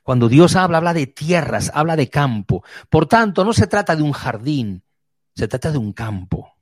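A man preaching a sermon, vivid, moving between quick runs and slow emphatic words. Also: on the high side, big pitch swings, no echo, studio quality.

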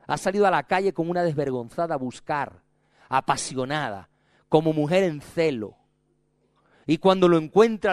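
A male preacher with a high voice delivers a sermon. He hammers home his points through repetition and dramatic swings in intensity, and the sound is dry and close. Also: no room sound.

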